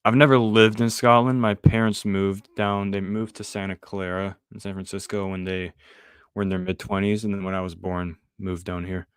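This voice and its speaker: A young man hosts a podcast stream in a relaxed, rambling way, reading out and answering viewer chat. His voice sits fairly low and often sinks into quiet, trailing asides. The sound is dry and close, with no room echo. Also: moderate pace, clean tone. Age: young adult. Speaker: podcast host. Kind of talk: casual live-stream chat.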